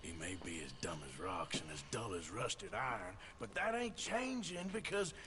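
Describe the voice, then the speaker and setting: A weary rugged outlaw cowboy. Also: male voice, on the low side, sing-song, normal speed, over music. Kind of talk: video game voice acting.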